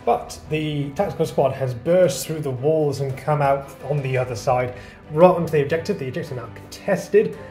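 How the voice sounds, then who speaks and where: A man's voice: a little high, moderate pace, dark tone. A man playing a tabletop wargame, chatting playfully and laughing often. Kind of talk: casual chat over a tabletop game. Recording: echoey room with music. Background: background music.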